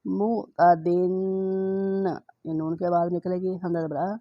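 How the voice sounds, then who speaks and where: A woman with an Urdu accent teaching Quran reading, spelling out each letter and vowel mark slowly and then blending the syllables. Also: on the low side, level tone, no echo, dull audio. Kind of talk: slow spelling-out recitation lesson.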